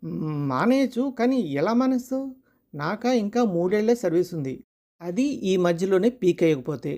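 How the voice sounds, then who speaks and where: Narrator voicing a calm middle-aged husband. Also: medium pitch, normal speed, lightly acted. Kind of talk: storytelling dialogue.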